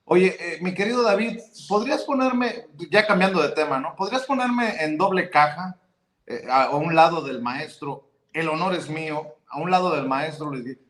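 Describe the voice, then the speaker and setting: A man's voice: a little high, lively intonation, normal speed, a bit bright. A man with a Mexican accent hosting an online talk show, blunt and joking with colloquial swearing. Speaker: host.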